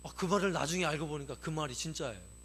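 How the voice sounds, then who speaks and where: A man's voice: on the high side, animated, quick pace, a bit bright, a little hiss or hum. A middle-aged man preaching a sermon as pastor, emphatic and insistent, repeating his points.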